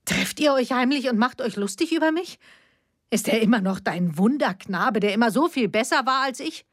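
A woman's voice: on the high side, normal speed, breathy edge, pitched above the performer's own voice. A woman voicing an angry grown daughter who confronts her mother with accusing questions, read as part of an audiobook story. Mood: furious.

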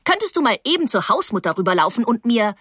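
A woman reading the part of a brisk, busy woman who hands out errands, in an audiobook. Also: on the high side, sing-song, fairly bright tone, husky, no echo, studio quality, voice pushed up, heavily acted. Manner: brisk, calling out.

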